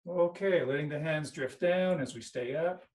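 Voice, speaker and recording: A man leading a tai chi class, giving serene, unhurried movement cues in short phrases with pauses. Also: fairly high pitch, darkish tone. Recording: roomy echo, distant microphone.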